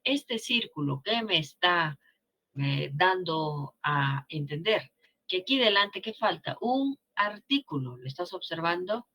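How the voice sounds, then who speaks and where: A woman's voice: on the low side, expressive, takes it slowly, pushed and bright. A woman teacher with a Peruvian Spanish accent giving a grammar lesson, coaxing students along with frequent check-in questions.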